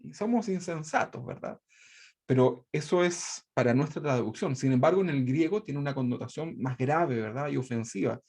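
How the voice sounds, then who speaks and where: A man leads a church Bible lesson in a chatty, conversational manner. His voice sits a little higher than most men's, and he keeps tagging his phrases with little questions. He acts out quoted speech with dramatic emphasis and jokes lightly with his class. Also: moderate pace, a little mellow, husky. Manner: conversational, constantly adds tag questions.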